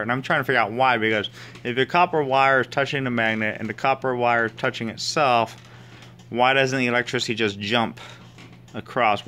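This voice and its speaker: A man's voice: mid-range voice, pushed and bright, slight background noise. Man rambling through ideas aloud. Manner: rambling, thinking aloud with many pauses and restarts. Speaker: solo speaker sharing ideas. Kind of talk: casual spoken monologue.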